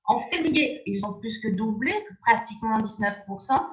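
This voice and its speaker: Woman, higher voice, persuasive sales presenter, roomy sound, muffled video call audio. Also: animated, normal speed. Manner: persuasive, emphatic pitch.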